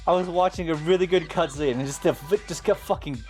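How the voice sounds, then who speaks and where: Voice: mid-range voice, brisk, darkish tone, soft background music. A livestreamer talking at home on a desk mic, swearing often and venting frustration in casual gaming-stream commentary. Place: indoors at home.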